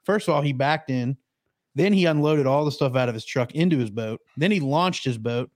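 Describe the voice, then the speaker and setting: Man telling a lively anecdote. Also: mid-range voice, fairly quick, no echo, studio quality. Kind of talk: casual podcast chat.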